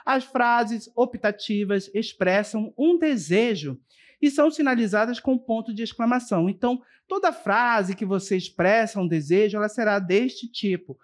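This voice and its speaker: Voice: medium pitch, moderate pace. Teacher checking in with "ok?". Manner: explains step by step, keeps checking in with "ok?"; addresses students directly and warmly as a group. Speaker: Portuguese teacher. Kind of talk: televised school lesson.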